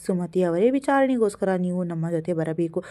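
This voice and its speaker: A woman's voice: fairly low pitch, animated, fairly quick, warm tone, lightly acted. Woman reading a stern middle-aged detective. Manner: firm, questioning.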